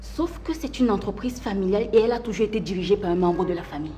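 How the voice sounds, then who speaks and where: Woman playing a formal new boss, mellow dark voice, measured speech. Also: mid-range voice, slight background noise, lightly acted. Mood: composed. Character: new company boss, composed daughter. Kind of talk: comic soap-opera acting.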